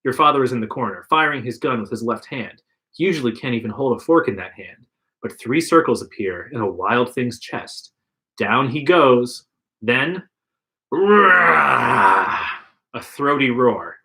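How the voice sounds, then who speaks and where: Reading an interactive gamebook on a livestream podcast mic, a man reads the narration plainly and puts on voices for the characters' lines. He sounds bright and forceful, with a medium pitch, animated delivery, and moderate pace.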